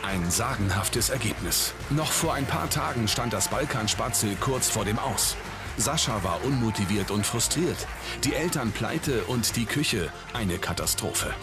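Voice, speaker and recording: Lively male TV narrator over music. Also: lowish voice, unhurried. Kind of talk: scripted TV narration. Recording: music bed under voice.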